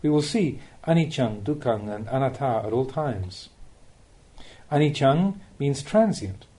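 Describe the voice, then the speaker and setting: This male audiobook narrator reads Buddhist teachings as part of a spiritual talk. Measured and instructive, he speaks with a soft, mellow tone and animated movement in pitch.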